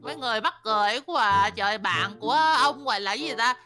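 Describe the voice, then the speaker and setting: A woman's voice: fairly high pitch, fast talker, pushed and bright. A woman in a game role-play, bickering in a dismissive way. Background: background music.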